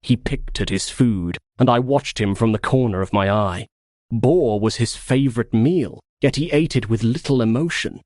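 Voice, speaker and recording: A man reading a first-person novel as an audiobook with expressive storytelling. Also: medium pitch, normal speed, dry recording, studio quality. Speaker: audiobook narrator.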